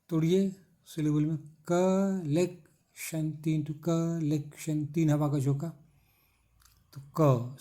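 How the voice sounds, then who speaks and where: Dark-voiced man drilling syllables in Hindi. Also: a little high. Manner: drills by repeated questions and answers, spells letters aloud; stretches out key words slowly. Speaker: English teacher. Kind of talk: classroom lecture.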